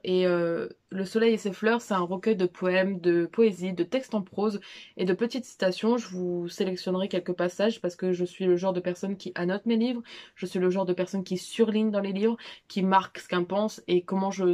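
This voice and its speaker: A woman's voice: mid-range voice, a little mellow. Chatty young woman, casual slangy vlog. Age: young adult. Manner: chatty, informal, many fillers and restarts; self-deprecating asides. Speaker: book vlogger. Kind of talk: casual monthly reading recap.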